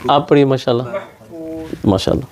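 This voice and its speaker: A man's voice: mid-range voice, a little mellow, slight background noise. A man teaching Quran pronunciation in a classroom, patiently repeating sounds over and over to demonstrate them.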